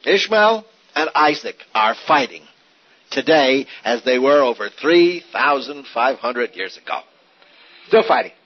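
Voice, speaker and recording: A man's voice: mid-range voice, unhurried. A man teaching Scripture in a sermon, driving points home with rhetorical questions and repetition, on a dull older recording. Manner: animated, rhetorical questions, repeats key points. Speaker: Bible teacher.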